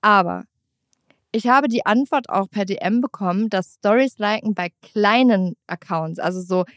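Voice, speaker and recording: A woman co-hosts a relaxed podcast conversation in a teasing way. She talks in quick bursts at a middling pitch. The recording is dry and close, with no room sound. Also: no room sound. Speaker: podcast co-host. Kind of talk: casual podcast chat.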